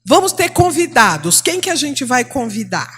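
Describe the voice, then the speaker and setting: Animated Brazilian woman telling classroom stories. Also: sits high, normal speed, breathy edge, soft background music. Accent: Brazilian Portuguese. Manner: animated storytelling, acting out dialogue. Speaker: teacher and church speaker. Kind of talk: church teaching talk with acted-out stories.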